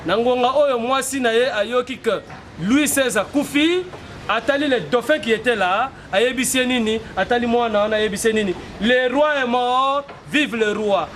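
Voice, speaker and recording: Man in his 40s, high voice, rhetorical and earnest, loud street traffic behind. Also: normal speed. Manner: earnest, rhetorical, builds to emphatic declarations. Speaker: interviewee. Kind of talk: street interview, mixing French and Lingala. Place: outdoors on a city street. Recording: noisy street with passing traffic.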